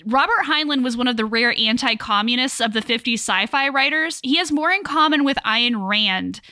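A woman's voice: on the high side, moderate pace, sharp tone, no room sound. A woman co-hosting a casual film podcast, explaining at length and laughing often. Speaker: podcast co-host.

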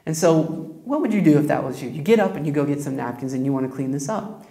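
This pastor talks fast, his fairly high, mellow voice carrying vocal fry. His sermon is conversational and full of stories, addressed directly to the congregation. The recording has a roomy echo.

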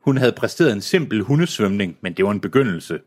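Low-voiced man reading a novel aloud. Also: very animated, a little mellow. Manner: reads a novel aloud with self-mocking asides and stumbles. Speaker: reader. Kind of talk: casual read-aloud of a novel.

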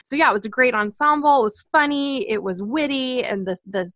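A woman's voice: high voice, brisk, fairly bright tone, no room sound. A woman co-hosting a movie podcast, talking in a bubbly, upbeat way. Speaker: podcast co-host. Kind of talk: casual movie review chat.

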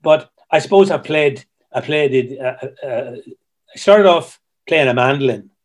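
A man, a musician guest who tells stories in a halting way, repeating words, heard over a video call. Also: mid-range voice, expressive. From Ireland. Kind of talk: casual interview chat.

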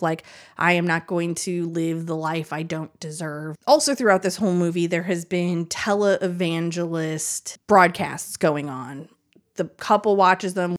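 A woman casually recapping a horror film's plot, chatty and full of "like" fillers. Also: on the low side. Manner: chatty, heavy use of "like". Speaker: film reviewer.

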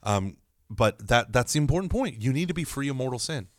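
A man talks through confession in an animated, emphatic way, now and then slipping into jokey stories. His voice sits at an everyday middle pitch. It is recorded close on a dry mic with no room sound. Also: fairly quick, no room sound. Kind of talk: conversational religious teaching.

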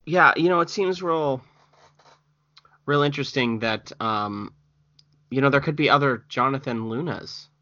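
Skeptical man with a bright, sharp voice. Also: medium pitch, measured pace, long pauses, dry recording, dull audio. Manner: skeptical, dry questioning remarks. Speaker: podcast co-host. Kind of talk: casual true-crime chat.

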